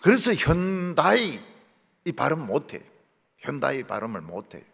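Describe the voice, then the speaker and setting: A middle-aged man preaches in a Gyeongsang accent, acting out dialect words as he tells his stories. His voice is raspy and gravelly, and his pitch swings dramatically. The sound carries a long reverb from a big church hall. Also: a little fast. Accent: Gyeongsang Korean. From Gyeongsang region, Korea. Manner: animated storytelling, mimicking dialect words. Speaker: pastor. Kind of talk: sermon. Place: large church sanctuary.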